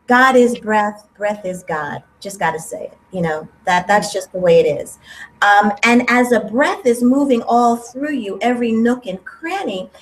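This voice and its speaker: A middle-aged woman, a breathwork teacher, speaking gently and warmly about breath and healing in an interview. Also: a little high, a little hiss or hum, low-quality recording. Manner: gentle, soothing, heartfelt. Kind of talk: spiritual interview talk.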